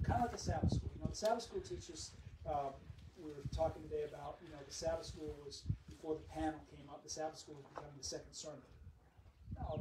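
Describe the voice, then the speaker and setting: A pastor preaches at a camp meeting in a fairly high voice. He swings between emphatic, ringing declarations and quiet, conversational asides. The recording is roomy and distant, with clear background noise. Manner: conversational, with frequent asides to the audience. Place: large hall or tent at a camp meeting. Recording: echoey, noisy room recording from a distance.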